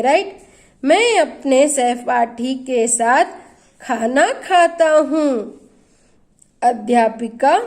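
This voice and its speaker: A woman teacher walks young pupils through a grammar lesson, pausing to ask them questions. Her voice sits high and she takes her time, with a soft, mellow tone. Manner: slow, patient explaining with questions to children.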